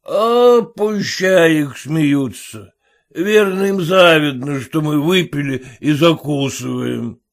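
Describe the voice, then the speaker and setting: A man's voice: on the high side, expressive, takes it slowly, gravelly, exaggerated voice. A man voicing a drunk middle-aged merchant father who mumbles with a slurred tongue. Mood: tipsy.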